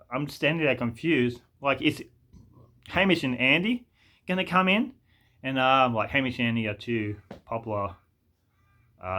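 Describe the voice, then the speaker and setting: A man tells a story in a loose storytime monologue. His voice is bright and forward, and he rambles along, stumbling and restarting with plenty of fillers. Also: mid-range voice. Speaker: vlogger telling a story.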